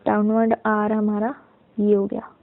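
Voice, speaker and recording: A woman's voice: medium pitch, monotone. A woman teaching a shorthand lesson, patiently sounding out words syllable by syllable, mixing in English terms and often checking in with the class. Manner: slow and patient, checks in with "ठीक है"; mixes Hindi with English terms. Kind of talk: step-by-step lesson. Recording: tinny narrow-band audio.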